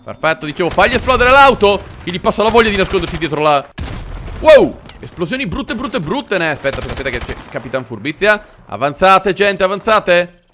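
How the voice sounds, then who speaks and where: An excitable man cracks jokes and swears through his commentary on a war game. His bright voice swings high and lively, and faint game gunfire plays behind him. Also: fast, slight background noise. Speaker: gaming commentator. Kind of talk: let's play commentary.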